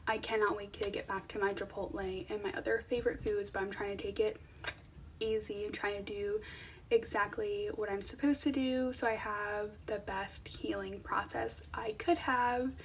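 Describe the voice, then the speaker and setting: A woman's voice: mid-range voice, steady tone, moderate pace, distant mic, slight background noise. A young woman talking casually to viewers in an informal, conversational vlog style. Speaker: vlogger. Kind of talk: casual chatty vlog to camera.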